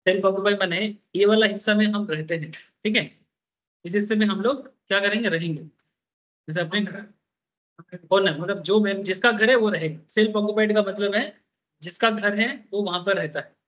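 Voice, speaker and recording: This classroom lecture, recorded in dull lo-fi quality, features a man drawing on a board while playfully asking his tax students the same questions again and again. He speaks at a normal speed in a high, somewhat bright voice.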